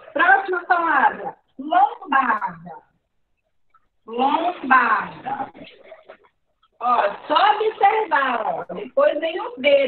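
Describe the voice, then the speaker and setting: A woman with a Brazilian accent teaching young children in an online class, patiently repeating words slowly in a sing-song way. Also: high-pitched, a little hiss or hum. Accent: Brazilian Portuguese. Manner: slow, patient, sing-song word repetition. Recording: echoey, distant, phone-like online class audio.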